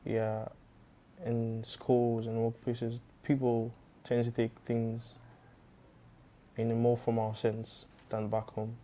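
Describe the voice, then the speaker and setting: Even-toned young man from Nigeria. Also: mid-range voice, slow, lo-fi sound, a little hiss or hum. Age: young adult. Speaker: engineering student. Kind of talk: documentary interview answers.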